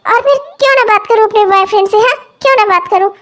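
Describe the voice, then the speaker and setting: A woman's voice: extremely high pitch, quick pace, fairly bright tone. A woman voicing a harsh, quarrelsome young stepmother in a cartoon who scolds everyone. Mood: defiant. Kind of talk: cartoon voice acting.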